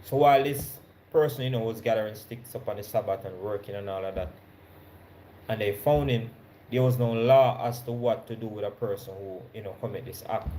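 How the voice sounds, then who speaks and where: A man's voice: on the low side, dark tone, a little hiss or hum. Jamaican man teaching scripture. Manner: reads scripture slowly, stressing key words; conversational, checks in with listeners. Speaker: Bible teacher. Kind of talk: Bible study sermon.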